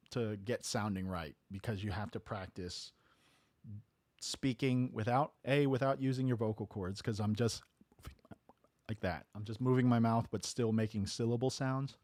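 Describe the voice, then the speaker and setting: A man casually teaching a talk box technique step by step, checking in with "right?" as he goes. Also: mid-range voice. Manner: relaxed, explains step by step with "right?". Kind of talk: casual studio tutorial. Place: home music studio.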